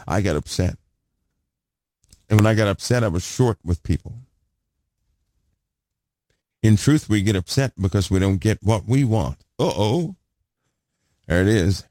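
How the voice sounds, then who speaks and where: A man preaching a sermon with a low, mellow voice. He poses rhetorical questions and repeats phrases for emphasis. The sound is dry and close. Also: no echo.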